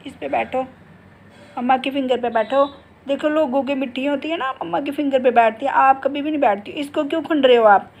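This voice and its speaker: A woman's voice: sits high, brisk. A middle-aged woman, a home vlogger who coos baby talk to her pet bird and chats casually with viewers from home. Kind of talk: casual home vlog chat. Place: home, bedroom and kitchen.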